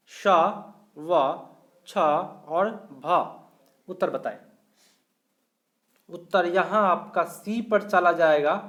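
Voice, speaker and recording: A man teaching a live online grammar class, going through each question slowly and explaining every answer step by step. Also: high voice, fairly bright tone. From India.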